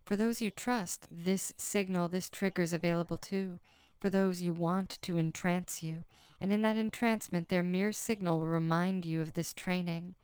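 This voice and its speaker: A woman hypnotist guides the listener in a slow, repetitive, commanding trance delivery. Her voice is lowish and smooth, kept flat and even. The recording is dry and close. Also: no echo, poor audio. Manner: authoritative, commanding.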